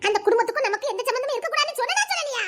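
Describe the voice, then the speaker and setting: A bossy young village woman who considers herself in charge of the whole house, played by a woman. Her voice is very high and bright, and she delivers every line as sharp, mocking scolding. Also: lively intonation, very fast. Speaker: actress in a short romance drama. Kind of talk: dramatic village romance acting.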